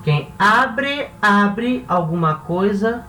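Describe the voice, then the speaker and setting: A man's voice: high-pitched, expressive, extremely slow, bright, forceful tone, distant mic, slight background noise. Brazilian guy teaching a language class, patient, stands back from the mic, roomy echo. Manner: patient, explains step by step, checks in with "tá?" often. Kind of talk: classroom grammar lesson. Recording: echoey room, voice off-mic.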